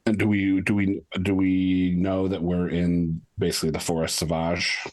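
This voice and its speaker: Low-voiced man at a tabletop game. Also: completely flat delivery, normal speed, darkish tone, dry recording. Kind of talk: tabletop role-play conversation.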